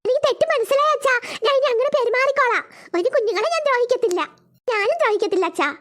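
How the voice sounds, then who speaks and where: A woman's voice: very high voice, very fast. A woman voicing a remorseful young girl in a cartoon, pleading for forgiveness. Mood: contrite. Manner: pleading, contrite.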